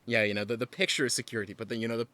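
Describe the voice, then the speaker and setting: Bright-voiced young man telling a party story. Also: medium pitch, racing. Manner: animated, laughing retelling with acted quotes. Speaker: podcast co-host. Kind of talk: casual storytelling.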